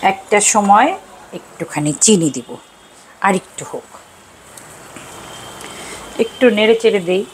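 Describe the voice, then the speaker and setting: An older woman talks slowly and unhurriedly as she cooks at home, rambling from one thought to the next and chuckling along the way. Her pitch sits in a middle range for a woman. The faint sizzle of a frying pan runs underneath her voice. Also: lively intonation, a little hiss or hum, low-quality recording. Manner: chatty and rambling, chuckles often. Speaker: cooking show host. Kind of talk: casual chat while cooking. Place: home kitchen.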